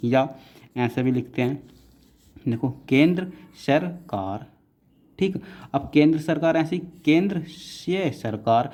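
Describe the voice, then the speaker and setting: A man's voice: mid-range voice, mellow. A man teaching shorthand in a patient, repetitive classroom manner, often checking in with his students. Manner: patient, repeats "है ना" often, calls students "बेटा". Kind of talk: classroom lesson explaining writing rules.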